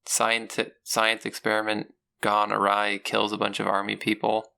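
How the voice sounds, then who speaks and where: A man co-hosting a podcast, chatting casually with deadpan jokes. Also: fairly low pitch, normal speed, creaky, clear, resonant tone. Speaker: podcast co-host. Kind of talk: casual chat.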